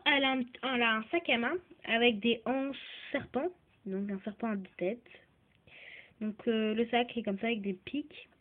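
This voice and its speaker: Woman, casual toy reviewer, fairly high voice, halting and filler-heavy, tinny phone-line sound. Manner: hesitant, many fillers and restarts. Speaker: doll reviewer.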